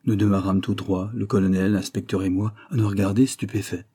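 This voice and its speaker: A man narrating an audiobook in the first person, in a measured storytelling manner. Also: on the low side, little pitch movement, dark tone, slightly rough.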